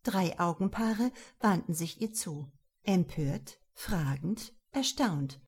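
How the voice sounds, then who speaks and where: A woman narrating a novel in an expressive, lively reading voice. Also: on the low side, slow, husky. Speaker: audiobook narrator.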